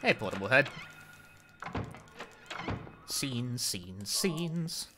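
A man's voice: mid-range voice, big pitch swings, extremely slow, over music. A man giving casual, rambling commentary during a game stream, full of "like" and swearing. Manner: rambling, self-mocking, swears, frequent "like". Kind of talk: casual live-stream commentary while gaming.

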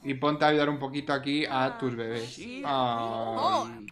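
A man commentating a life-simulation game, expressive and exclaiming, often scolding the characters. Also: medium pitch, unhurried, crowd noise. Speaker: gaming YouTuber. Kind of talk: Sims let's play commentary.

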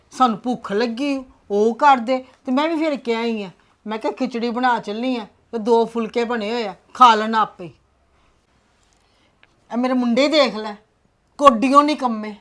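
A woman playing a sharp-tongued mother who scolds her sons and scorns her elderly in-laws in a family drama. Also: fairly high pitch, close to an everyday voice. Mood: complaining. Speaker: mother and daughter-in-law.

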